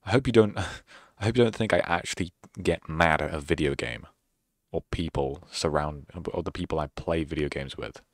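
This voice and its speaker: A young male streamer with a very deep voice wraps up his stream at a moderate pace, chatting casually into a close mic. His talk rambles and turns sarcastic at his own expense, and the recording has no echo.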